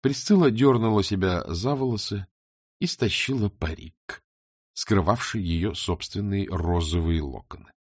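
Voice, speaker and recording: A man narrating a novel in a low, hushed delivery between the characters' lines. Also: unhurried, dry recording, clean studio sound. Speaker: audiobook narrator. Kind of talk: audiobook narration.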